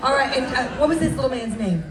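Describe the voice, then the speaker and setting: A woman's voice: high voice, fast. An upbeat woman working as a cruise director, hosting a live game show with playful, teasing banter. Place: large echoey venue with an audience. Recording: echoey room, distant, lively crowd behind.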